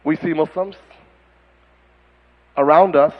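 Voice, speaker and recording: A man preaching as an imam, fiery and mocking, in an animated sermon style, on a dull lo-fi recording. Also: a little high, slow pace, big-room sound.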